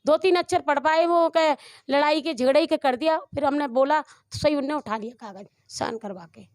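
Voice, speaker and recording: A woman's voice: high voice, moderate pace, no room sound, studio quality. A middle-aged woman, mother of an abused daughter, giving a rambling, emotional account to a reporter, often restarting her sentences. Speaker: mother of a dowry abuse victim. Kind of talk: street interview testimony.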